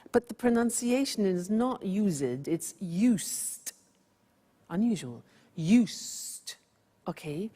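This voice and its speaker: A woman teacher from England speaks slowly and carefully, laying out a grammar point step by step. Her voice has a husky edge, and a long hall reverb trails behind her words. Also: mid-range voice, darkish tone. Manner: slow, clear, showing props. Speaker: English teacher. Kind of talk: scripted grammar lesson.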